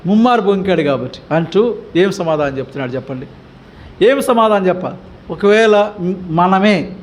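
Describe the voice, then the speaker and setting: A male pastor with a Telugu accent teaching the Bible, questioning his congregation over and over and pushing them to answer, with English words dropped in. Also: high-pitched. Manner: mixes English words into the talk.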